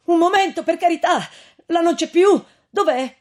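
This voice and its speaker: A woman voicing a desperate young man who pleads and shouts in frantic, husky cries, in a read-aloud novel. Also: very high-pitched, normal speed, voice pushed up. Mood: pleading.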